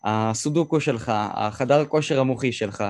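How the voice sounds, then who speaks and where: A man's voice: mid-range voice, a little mellow. A man conducting a conversational interview, hesitantly searching for his words as he frames questions and remarks.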